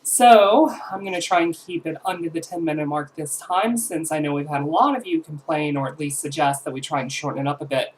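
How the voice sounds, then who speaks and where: A woman's voice: low-pitched, a little fast, hardly any pauses, darkish tone, poor audio. A woman in her twenties chatting casually to camera as a vlogger, rambling with fillers and self-corrections. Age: 20s.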